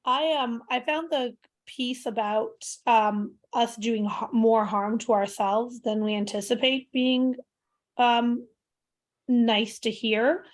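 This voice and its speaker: A woman referee speaking frankly in a focus group over a video call, with pauses and restarts. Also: on the high side, steady tone. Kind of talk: casual discussion.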